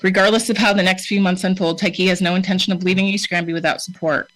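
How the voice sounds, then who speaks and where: Town board official reading a letter at a meeting, bright clear voice, formal and steady, table mic. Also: medium pitch, fast, poor audio. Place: town hall meeting room.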